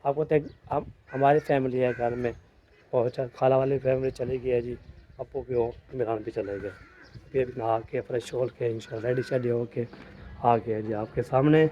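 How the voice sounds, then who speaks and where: A man's voice: mid-range voice, fairly even intonation, moderate pace, lo-fi sound, a little hiss or hum. A man with a Pakistani accent chatting casually to his phone while vlogging around his village home, rambling and repeating himself with lots of filler phrases. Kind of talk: casual vlog talk to camera.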